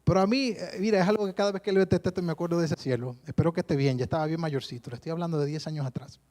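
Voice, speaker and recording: Man, Dominican accent, preacher, church sermon, lively storyteller, fairly high voice. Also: rapid-fire. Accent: Dominican Spanish. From Dominican Republic. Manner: lively storytelling, keeps addressing listeners as brother. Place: church service before a congregation.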